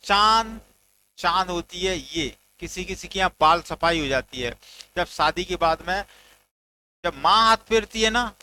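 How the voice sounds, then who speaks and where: A man with a bright, high-pitched voice teaches a general knowledge class, spinning jokey stories and acting out short dialogues to help students remember facts. His tone is lively and forceful, and a faint hiss sits under the recording. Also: a little slow, rough recording. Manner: playful storytelling with mnemonic jokes, acted dialogue. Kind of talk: memory-trick general knowledge lesson.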